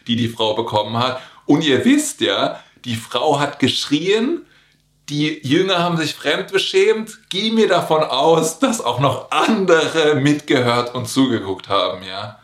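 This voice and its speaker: Male preacher, mid pitch, animated delivery that speaks straight to the congregation, echoey room. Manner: lively, talks straight to the listeners, voices the people in the story. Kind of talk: sermon.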